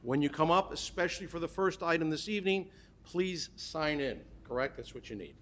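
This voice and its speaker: A man chairing a planning board meeting, reading procedural rules in a measured way. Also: a little high, animated, a bit bright, slight background noise.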